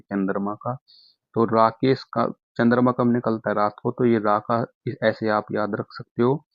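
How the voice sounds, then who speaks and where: A young man teaching a Hindi exam-prep lesson, calling students his friends, repeating "okay" again and again, and saying tricky words out slowly syllable by syllable. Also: mid-range voice, no echo, lo-fi sound. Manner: addresses students as friends, repeats "ठीक है" constantly.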